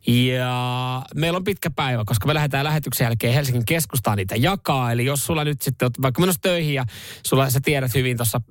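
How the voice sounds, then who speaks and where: A man hosting a morning radio show, chatting loosely and laughing often as he banters with his co-host. His voice sits at an ordinary middle pitch, and the studio sound is very dry and close, with no room echo at all. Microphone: studio microphone.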